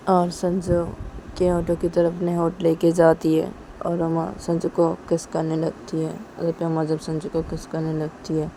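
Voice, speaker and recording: A woman's voice: sits low, creaky, dark tone, slight background noise. A young woman narrating a love story in a plain, repetitive, casual way as a channel host. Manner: plain, repetitive, linking with "then".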